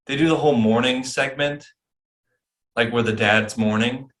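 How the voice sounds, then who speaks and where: A young man hosting a casual movie chat podcast, lively and animated, swearing casually and jumping up in pitch when excited. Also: normal speed. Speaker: podcast host.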